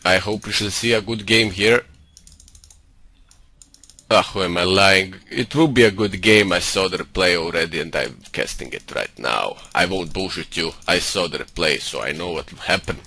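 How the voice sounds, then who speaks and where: A StarCraft caster and streamer puts on a comic Russian accent in a low, pushed, bright voice at normal speed. His live-style game commentary is cocky and condescending, captured on a home computer mic with faint noise.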